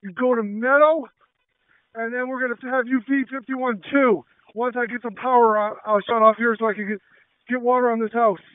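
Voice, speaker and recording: A man's voice: very high voice, fairly even intonation, normal speed, smooth, no room sound. A man working as fire incident commander, giving urgent, clipped orders in firefighter radio traffic. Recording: tinny two-way radio transmission.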